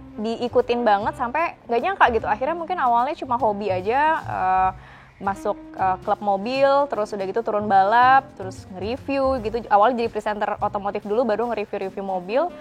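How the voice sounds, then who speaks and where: A woman chatting informally to viewers as a channel host, answering questions and making announcements. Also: on the high side. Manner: chatty, informal, speaks directly to friends watching. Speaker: automotive presenter and channel co-host. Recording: music behind the voice. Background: background music.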